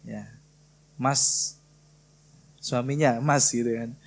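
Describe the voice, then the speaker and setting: A man from Indonesia teaching Quran recitation in a prayer hall, patiently drilling and gently correcting students. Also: medium pitch, fairly even intonation, creaky. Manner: slow, patient, drills students by repeating syllables. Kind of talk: tajwid lesson with live correction.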